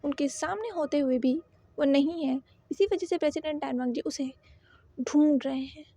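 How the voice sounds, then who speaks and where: A woman's voice: sits high, normal speed, warm tone, no room sound. A woman narrating a fan fiction story expressively, with some repetition.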